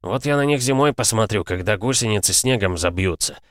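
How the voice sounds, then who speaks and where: A man's voice: on the low side, animated, brisk, no room sound, studio quality, natural voice. A man voicing a grumbling, folksy older male tank driver in an audiobook.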